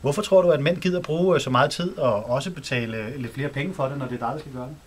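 A man hosting a live radio feature, asking lively, leading questions in a radio studio. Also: medium pitch, a little hiss or hum. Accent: Danish. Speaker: radio host. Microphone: handheld radio microphone.

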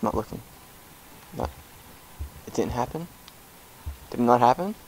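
A man's voice: medium pitch, very animated, measured pace, creaky, darkish tone, a little hiss or hum, poor audio. A young man commenting on a horror game as he plays, jumpy and swearing, with panicked outbursts. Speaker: gamer. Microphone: headphones with desk mic.

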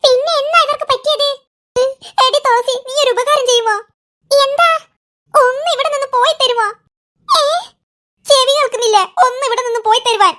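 A performer voicing squabbling cartoon kids and their mother, bickering in a squeaky, sped-up comic style. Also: moderate pace, pauses often, bright, forceful tone. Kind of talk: cartoon character voices.

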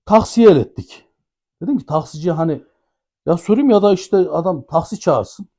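A man's voice: on the high side, animated, moderate pace, mellow. A man with an Ankara accent telling a funny anecdote, animatedly acting out the dialogue. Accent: Ankara Turkish. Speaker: storyteller guest.

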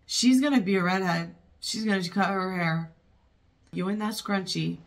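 A woman hosting a movie reaction, talking casually with loud, excitable outbursts and plenty of swearing. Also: mid-range voice, normal speed.

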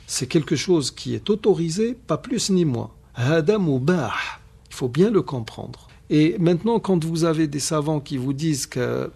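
A man, hosting a radio discussion on Islam and explaining points in a measured, emphatic way. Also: a little high, lively intonation, vocal fry, dark tone, husky. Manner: measured, emphatic, firm rebuttals, many repetitions. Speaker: radio show host on Islam.

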